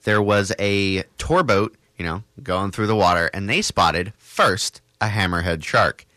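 A man's voice: deep voice, a little slow, sharp tone, dry recording, clean studio sound. A young man hosting a college radio show, chatting casually and telling stories in a rambling, self-correcting way. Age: young adult.

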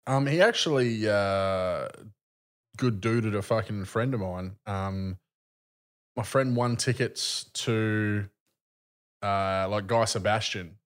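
A man's voice: on the low side, slow pace, smooth. An Australian man in his thirties chatting casually as a podcast co-host, crude and slangy, swearing freely in comic banter.

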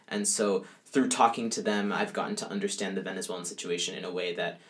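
A young adult male college student answers interview questions casually, filling his speech with "like" and "um" and frequently restarting. His voice sits low, a bit bright, with a steady tone and a quick pace.

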